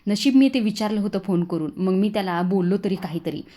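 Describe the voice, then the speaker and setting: A woman voicing an easygoing, affectionate young husband with a relaxed, reassuring way of speaking. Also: medium pitch, a little fast, close to an everyday voice. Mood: gentle.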